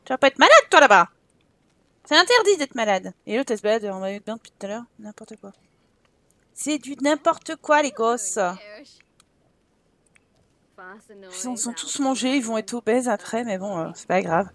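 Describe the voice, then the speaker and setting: High-pitched woman playing Sims. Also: fairly bright tone. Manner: exasperated, swears at the game, talks to her Sims. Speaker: Sims let's play streamer. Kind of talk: casual gameplay commentary.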